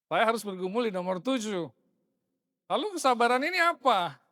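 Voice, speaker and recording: A man's voice: high-pitched, big pitch swings, normal speed, a bit bright, dry recording, clean studio sound. A middle-aged man preaching a sermon as a pastor, in a conversational, friendly way that keeps addressing the congregation directly. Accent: Indonesian. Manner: conversational preaching, addresses listeners as brothers, chuckles. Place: church sanctuary.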